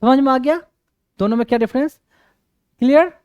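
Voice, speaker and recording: A man's voice: very high voice, quick pace, a little mellow, smooth, dry recording, dull audio. A man lecturing on medicine, repeating his points for emphasis and often checking that students follow. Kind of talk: classroom explanation.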